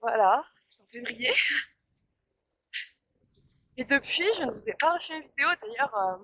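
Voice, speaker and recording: A young woman chats to camera at normal speed in a slightly high, somewhat bright voice with lively intonation, holding her phone at arm's length on a windy walk. Pollen allergies leave her congested, coughing and tired, and she rambles with many fillers and restarts.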